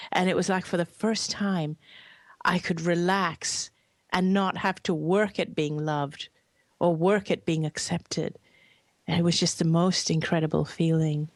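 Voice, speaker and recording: Earnest low-voiced woman guest, dry sound. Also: dry recording. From Hong Kong. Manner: earnest, heartfelt, softly emphatic. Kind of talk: reflective interview storytelling.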